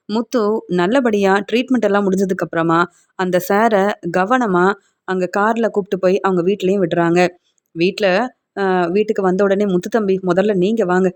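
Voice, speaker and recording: A woman's voice: medium pitch, a little mellow. Woman retelling a serial, voicing every character. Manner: retells scenes and voices each character's lines herself. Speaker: serial recap narrator.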